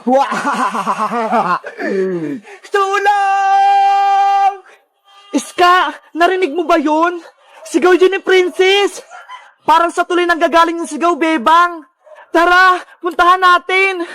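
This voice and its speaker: Very high-pitched excited cartoon kid, voiced by a woman. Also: normal speed. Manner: excited, shouting, high-energy. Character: frightened little girl Princess and her friends. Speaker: voice of all cartoon characters. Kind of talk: children's cartoon voice acting.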